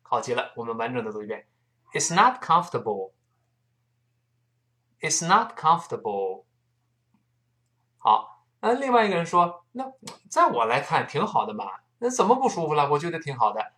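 An English pronunciation teacher, patiently explaining sounds and slowly repeating example words. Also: mid-range voice, big pitch swings, fairly bright tone. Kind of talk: spoken language lesson.

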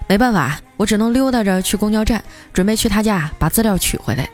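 A woman host telling scripted comic stories in a playful, lively way. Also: medium pitch, fast talker, soft background music. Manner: lively, playful, often laughing through punchlines. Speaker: radio comedy host.

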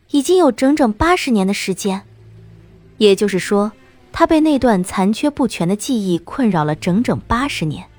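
A woman narrating a novel in the first person with expressive storytelling. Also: on the high side, no echo.

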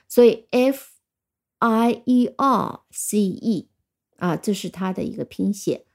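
Gravelly, dark-toned woman teaching. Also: medium pitch. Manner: patient, spells words out letter by letter and repeats examples. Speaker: English teacher. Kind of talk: explanatory language lesson.

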